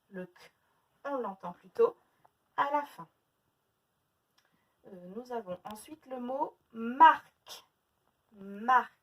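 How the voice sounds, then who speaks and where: A woman teacher giving a phonics lesson to young children, stretching out each syllable and repeating words slowly. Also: a little high, a bit bright, slightly rough, far from the mic.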